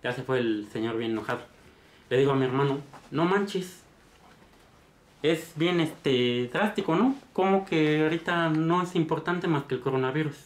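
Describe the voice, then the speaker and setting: A man's voice: fairly high pitch, brisk. A man with a Mexican accent, casually retelling a story in a chatty, meandering way. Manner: chatty, meandering, tag questions. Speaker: vlogger. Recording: roomy echo.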